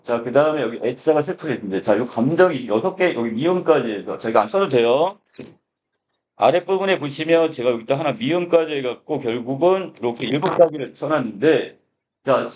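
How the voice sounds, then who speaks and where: A man's voice: medium pitch, a little mellow. A man teaching a literature class, explaining a classic prose text line by line and starting most phrases with a filler "so". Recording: dull lo-fi lecture recording.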